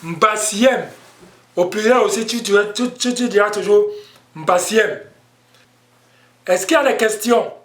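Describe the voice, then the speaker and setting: A man's voice: high-pitched, reverberant. A man teaching an online language lesson, explaining patiently and repeating himself. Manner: slow, patient explaining with repetitions.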